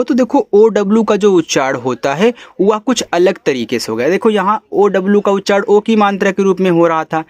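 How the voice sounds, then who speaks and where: A man teaching an English reading lesson, who spells out each letter slowly and then says the whole word lower and softer, checking in with his students. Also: dry recording. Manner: coaxing, checks in with "ठीक है?". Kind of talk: step-by-step phonics lesson.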